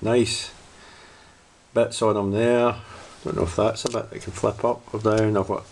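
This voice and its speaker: A man's voice: on the low side, flat delivery, measured pace, background noise. A man casually reviewing a toy, rambling and hesitant, often repeating himself as he goes.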